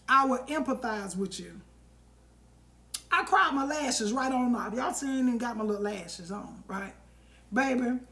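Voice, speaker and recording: A woman's voice: high-pitched, a bit bright. Emphatic woman hosting a motivational live stream. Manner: emphatic and preachy, addressing viewers directly with endearments.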